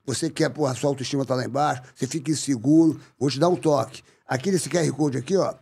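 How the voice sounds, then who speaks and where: An older man co-hosting a podcast, boisterous and jokey, shouting catchphrases in casual comedic chat. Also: mid-range voice, fast, creaky, slightly rough. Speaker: podcast co-host. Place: podcast studio.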